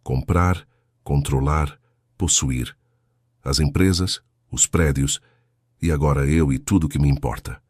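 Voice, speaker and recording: A man's voice: a bass voice, fairly even intonation, a little slow, a little mellow, husky, no echo, clean studio sound, heavily acted. A man voicing a hurt, guarded young wife who speaks in a bitter, accusing way.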